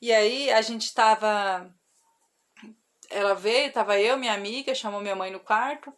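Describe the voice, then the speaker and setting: A woman's voice: medium pitch, unhurried, a bit bright. A young adult woman with a Brazilian accent, telling a personal story to her followers in an emotional, confiding way. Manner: emotional, confiding, many "né?" tags. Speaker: vlogger.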